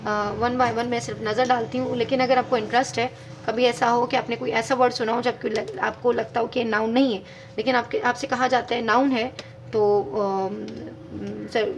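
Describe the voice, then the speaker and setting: A woman's voice: fairly high pitch, slight background noise. A woman teaching English grammar in a video lesson, patiently explaining step by step and spelling words out letter by letter.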